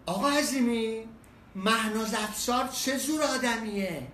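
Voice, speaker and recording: A man voicing a loud, nosy gas station worker of about thirty-five who shouts his questions across the forecourt. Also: sits high, animated, echoey room, recorded from a distance, a little hiss or hum, pitched above the performer's own voice. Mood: shouting.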